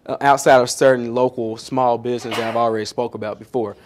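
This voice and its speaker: A man's voice: medium pitch, steady tone, quick pace, slight background noise. A man, a pastry chef and founder, answering audience questions at a coworking space event in a chatty, rambling, self-deprecating way full of fillers. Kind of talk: casual onstage Q&A answers.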